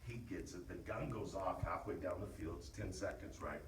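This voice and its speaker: Male football coach, lowish voice, delivering a punchy locker-room pep speech, recorded at a distance. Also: normal speed. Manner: emphatic, short punchy exhortations. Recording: echoey room, distant mic, faint noise.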